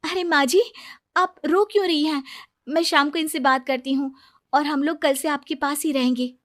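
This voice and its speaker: A woman's voice: high-pitched, fairly even intonation, normal speed, voice pushed up, lightly acted. A woman voicing a kind, caring elder daughter-in-law in a storybook cartoon. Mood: concerned.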